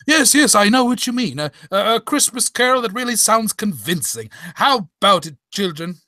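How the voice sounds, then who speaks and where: A man acts out a befuddled, sentimental old doctor in a comic radio play. The voice is high and bright, close and dry, and rambles slowly with flustered hesitations. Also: sing-song, dry recording, heavily acted. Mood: bemused. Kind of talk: old-time radio comedy acting.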